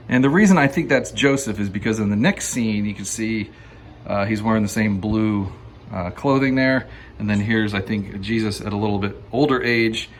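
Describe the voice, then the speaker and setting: A man vlogging a walk through an indoor wax museum, chatting with his viewers and quizzing them with questions, often pausing with fillers and restarts. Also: on the low side, a bit bright, a little hiss or hum. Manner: hesitant, frequent fillers and restarts. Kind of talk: casual walk-through commentary.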